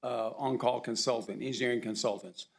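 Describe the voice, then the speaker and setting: A man with a hoarse, gravelly voice gives a formal report at a county commission meeting. He pauses often and fills the gaps with uh and um, and his voice catches in a rough fry. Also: medium pitch, steady tone. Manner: halting, with frequent uh and um.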